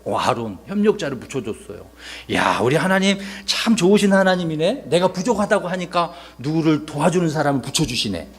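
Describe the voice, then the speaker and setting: Husky, lively man preaching to children. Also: a little high, a little fast, few pauses. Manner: playful, animated, asks the children questions. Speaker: pastor. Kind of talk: children's sermon.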